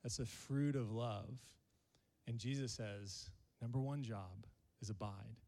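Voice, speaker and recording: A man's voice: mid-range voice, unhurried, mellow, long reverb tail. A male pastor, preaching a sermon to his congregation and joking with them. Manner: playful, jokes with the congregation.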